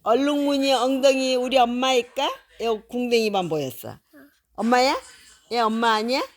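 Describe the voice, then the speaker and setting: A woman's voice: on the high side, moderate pace. An older woman, a grandmother, reading a picture book aloud to a small child in a playful, coaxing way, imitating animal sounds.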